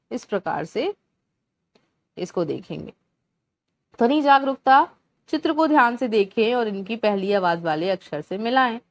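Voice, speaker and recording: Slow, patient woman teaching children. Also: a little high, no echo. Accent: Indian Hindi. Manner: slow, clear syllable-by-syllable teaching. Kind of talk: workbook lesson for young children.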